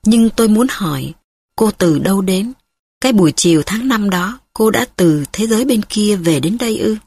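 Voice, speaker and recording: A woman reading an audiobook, voicing a quiet, sorrowful blind middle-aged husband who speaks low and slowly. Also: animated, breathy edge, no echo. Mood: musing. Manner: low, slow and subdued.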